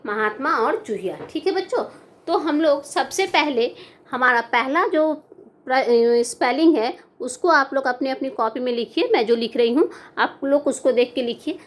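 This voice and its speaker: A woman teaching young children, patiently dictating spellings letter by letter and repeating each word. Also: sits high. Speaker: primary school teacher. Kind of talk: online class lesson, slow dictation of spellings.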